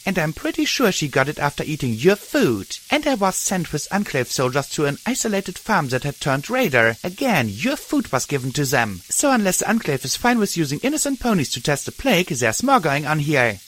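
A man's voice: fairly high pitch, sing-song, a little fast, hardly any pauses, a bit bright, a little hiss or hum, pitched above the performer's own voice. A man voicing a fierce young female unicorn pony who screams in fury. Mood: sharp, defiant. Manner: screaming, furious.

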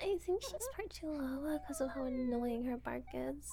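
여자가 연기하는 아주 높은 속삭임의 거만한 고양이 소녀. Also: female voice, sits high, moderate pace, a crowd in the background. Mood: mocking, smug. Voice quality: breathy, soft-spoken. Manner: condescending, cutting, gushing and meowing when flattering. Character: haughty, bullying purebred cat girl, fawning for adoption. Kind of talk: ASMR role-play.

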